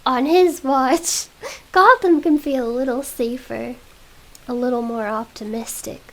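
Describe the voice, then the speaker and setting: A woman whispering the part of a smooth, rich young playboy in a whispered role-play reading. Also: sits high, measured pace, rough recording. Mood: teasing.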